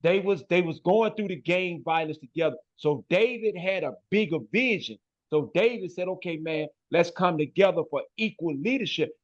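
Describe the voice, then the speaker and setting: A man's voice: high-pitched, animated, normal speed, hardly any pauses. Emphatic man, dull lo-fi sound. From west side of Chicago. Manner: emphatic, ends phrases with "man" and "bro". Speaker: guest. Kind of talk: casual interview talk.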